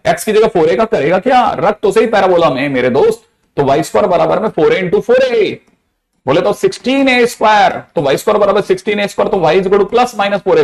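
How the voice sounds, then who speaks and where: A man teaching a math class in a lively, teasing way, often repeating questions to get students to answer. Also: sits high.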